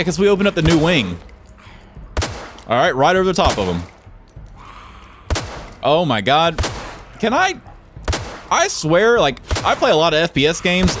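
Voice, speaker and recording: Hoarse, nasal man playing a game. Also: fairly high pitch, noisy background. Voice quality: chatty, excitable, laughs often. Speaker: gaming YouTuber. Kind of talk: let's play commentary.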